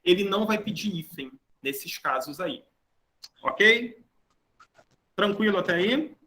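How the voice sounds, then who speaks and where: A man's voice: high-pitched, expressive, slow pace, pushed and bright. A man teaching a grammar lesson to a class, explaining rules step by step and often checking that students are following. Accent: Brazilian Portuguese. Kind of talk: online grammar lecture.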